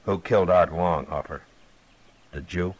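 An actor playing a calm, firm frontier marshal in a 1950s radio drama. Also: male voice, sits low, measured pace, breathy edge, low-quality recording. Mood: stern. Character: steady, stern frontier marshal.

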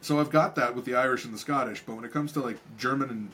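A man's voice: medium pitch, quick pace, fairly bright tone. A man co-hosts a casual live stream in an ordinary mid-range voice. He talks in a loose, joking way, rambling and restarting his sentences, with a faint noise behind him. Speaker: co-host.

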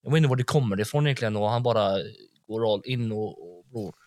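A man's voice: on the low side, a little mellow. A young man from Gothenburg with a Gothenburg accent, co-hosting a podcast and chatting eagerly about hip hop, full of slang and swearing. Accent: Gothenburg Swedish. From Backa, Gothenburg, Sweden. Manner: slangy, swears freely, enthusiastic. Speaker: podcast co-host.

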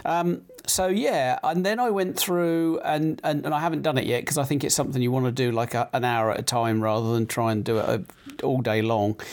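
A middle-aged man with a croaky throat and a medium-pitched voice hosts a casual chat show, rambling along with plenty of fillers and restarts.

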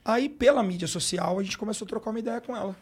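Brief: middle-aged Brazilian man, somewhat high voice, emotional slangy storytelling, podcast guest. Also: fast, slightly rough. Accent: Brazilian Portuguese. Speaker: sports coach, podcast guest. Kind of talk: casual storytelling interview.

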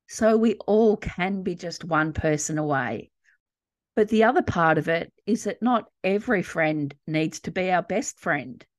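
A woman's voice: mid-range voice, dry recording, clean studio sound. A woman co-hosting a podcast, talking earnestly and reflectively about friendship and loss. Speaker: podcast co-host. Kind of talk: casual grief podcast chat.

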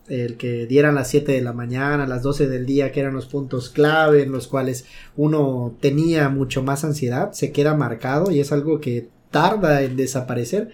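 A man, hosting a podcast and summing up the topic in a reflective, measured way. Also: medium pitch, a little mellow. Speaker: podcast host. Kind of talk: casual podcast talk.

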